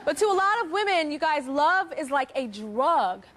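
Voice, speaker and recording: A woman's voice: sits high, very animated, normal speed, fairly bright tone, slight background noise. Brassy, laughing woman talk show host in her thirties. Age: 30s. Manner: brassy, laughing, teasing address to the audience. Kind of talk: talk show hosting and interview.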